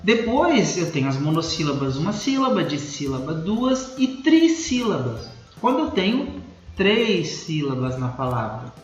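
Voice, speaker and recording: A man with a Brazilian Portuguese accent teaching a recorded school lesson, explaining slowly and repeating key points. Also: a little high, big pitch swings, roomy sound, dull audio, faint music behind.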